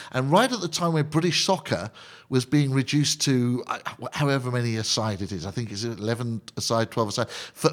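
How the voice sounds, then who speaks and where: A male conductor appears as a guest on a radio interview, speaking at a middling pitch. He's an enthusiastic explainer, full of eager energy, who cracks jokes and wanders off into asides.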